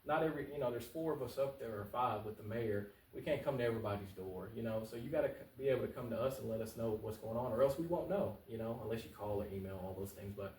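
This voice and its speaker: Speaking fast with hardly any pauses, this man has a medium-pitched, slightly mellow voice. He is a political candidate in an interview, answering in a relaxed, colloquial way and hammering his points through repetition. The room sounds echoey, the mic is distant, and there's faint noise.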